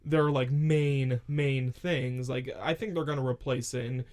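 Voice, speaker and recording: A man's voice: medium pitch, fairly even intonation, a little slow, a little mellow. Rambling, foul-mouthed young man podcasting. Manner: rambling and profane, lots of filler "like". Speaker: podcast co-host. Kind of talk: casual chat. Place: home room. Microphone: studio mic with pop filter.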